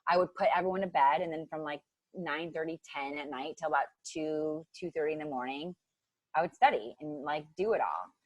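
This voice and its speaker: A woman's voice: sits low, a little fast, no room sound. A woman in her thirties from Ohio, chatting as a podcast guest about nutrition coaching and filling her talk with "like". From Ohio, USA. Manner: chatty, many "like" fillers, acts out quotes. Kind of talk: casual chat.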